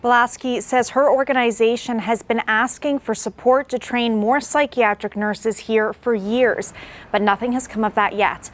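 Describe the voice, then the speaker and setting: A woman's voice: a little high, steady tone, moderate pace. Woman anchoring a news broadcast. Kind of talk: scripted news reading.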